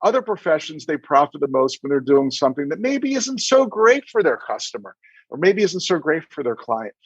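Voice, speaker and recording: Very animated and a little fast, a middle-aged man guesting on a podcast as a dentist and practice coach gives emphatic advice, telling anecdotes and acting out dialogue. His voice is a little high and slightly rough, captured in a dry, lo-fi recording.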